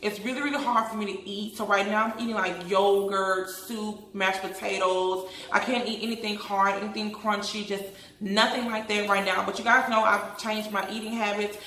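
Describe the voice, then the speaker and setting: A bright-voiced woman talks with braces, giving her speech a noticeable lisp. She chats casually in a rambling vlog style, recorded in a roomy, echoey space. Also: medium pitch, steady tone, moderate pace. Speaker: vlogger. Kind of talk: casual chatty vlog to followers.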